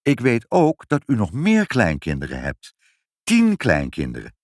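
A man's voice: on the low side, huge pitch swings, unhurried, no room sound, studio quality, exaggerated voice. A man voicing a kind, sweetly sly mother in a storybook reading. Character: sweet clever mother, gentle woman.

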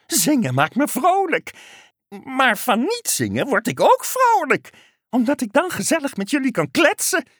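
A woman's voice: sits high, wildly swooping pitch, unhurried, fairly bright tone, no room sound, studio quality, voice pushed up, exaggerated voice. A woman voicing a cheerful male frog in a children's story, squealing and exuberant. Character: overjoyed cheerful male frog, always happy. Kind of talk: storybook character voice.

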